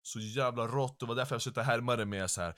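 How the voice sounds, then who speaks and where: A young man co-hosting a podcast, chatting playfully and quickly about hip hop. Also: medium pitch, fairly bright tone. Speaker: podcast co-host.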